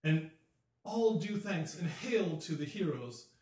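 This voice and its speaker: Flustered court steward, played by a man, higher pitch, rushed repeated pleas, echoey distant sound. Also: animated, darkish tone. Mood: fussy. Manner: hurried, repetitive pleading. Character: fussy hurried male court steward, the Seneschal. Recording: roomy, distant mic.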